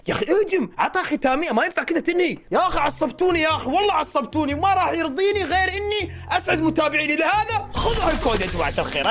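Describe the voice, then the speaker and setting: Excitable guy yelling and joking over clips, high voice, talks quick. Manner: excitable, joking, shouty exclamations. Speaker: reaction video host. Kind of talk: reacting to horror clips.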